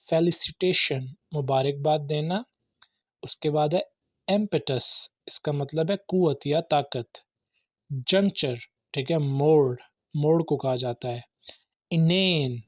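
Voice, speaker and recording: A man's voice: a little high, a little mellow, slightly rough, no room sound, highs cut off. A man teaching English vocabulary, working through words one by one and often saying "theek hai" as he explains. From Pakistan. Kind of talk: vocabulary lesson.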